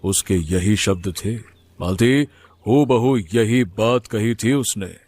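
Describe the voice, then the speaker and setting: A man voicing a kindly, wise neighbour uncle in an animated story, gentle and consoling. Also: fairly low pitch, slow pace, no room sound. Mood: earnest. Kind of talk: Hindi cartoon voice acting.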